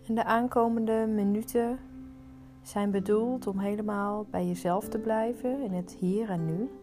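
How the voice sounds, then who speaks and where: Woman doing a guided meditation, really slow n soothing, mellow relaxed voice, bit of music behind. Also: medium pitch. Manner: soothing, unhurried instruction with pauses.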